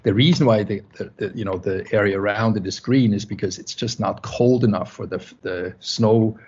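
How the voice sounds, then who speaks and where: A man's voice: lowish voice, normal speed, darkish tone, slight background noise. A man from Switzerland with a Swiss accent, presenting a conference talk in a conversational way, often checking in with "right?". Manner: conversational, many restarts, asks "right?". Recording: muffled lo-fi recording.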